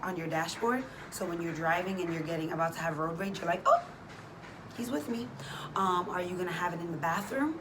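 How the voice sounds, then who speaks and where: A woman hosting a faith and fitness vlog, speaking informally and encouragingly straight to her listeners in a devotional style. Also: lowish voice. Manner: informal and exhortative, direct address to listeners. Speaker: host of a faith and fitness challenge. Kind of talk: casual devotional vlog, prayer. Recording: clearly noisy background ambience.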